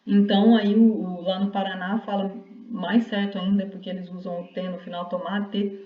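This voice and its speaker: Woman lecturer, explaining at length, mid pitch, heard from a distance in a dull, echoey room. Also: level tone, moderate pace. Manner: explanatory, with many restarts and rhetorical "né?". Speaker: university lecturer. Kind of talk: online class lecture. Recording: roomy, distant, dull lo-fi sound.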